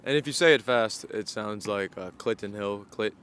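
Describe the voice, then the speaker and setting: A man in his twenties, a food vlogger, chats casually and jokes in a laid-back way, starting outdoors on a city street and then moving into a busy little restaurant. His voice is lowish and fairly bright at a moderate pace, picked up by a small clip-on mic on his shirt with slight background noise.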